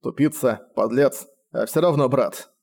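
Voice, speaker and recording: A sullen, bitter young man, as a male narrator reads him, curt and flat with hardly any expression. The storybook voice sits close to the reader's own. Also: mid-range voice, unhurried, vocal fry.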